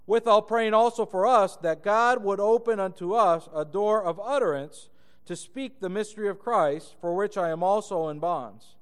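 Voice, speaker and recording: Emphatic pastor from Argentina, ringing hall. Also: male voice, high-pitched. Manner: earnest, emphatic, slows down to read scripture. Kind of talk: sermon.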